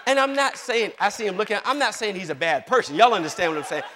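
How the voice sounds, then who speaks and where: A man's voice: high voice, big pitch swings, quick pace, big-room sound, noisy background. A middle-aged male pastor preaching a sermon, folksy and humorous, who keeps asking the congregation "you got it?". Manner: call-and-response, repeating "you got it?"; folksy and humorous, acting out family conversations.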